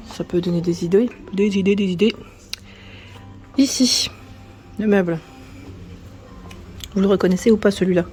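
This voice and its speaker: A woman's voice: mid-range voice, dark tone. A woman vlogging as she walks through a large furniture store, chatting casually and reading out prices and sizes with lots of tag-on fillers. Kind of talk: casual walkthrough chat.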